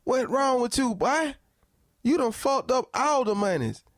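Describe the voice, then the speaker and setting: A man hosting a comedy podcast, reacting to news clips with loud, incredulous, profane commentary. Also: very high voice, lively intonation, measured pace, no echo, studio quality. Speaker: podcast host.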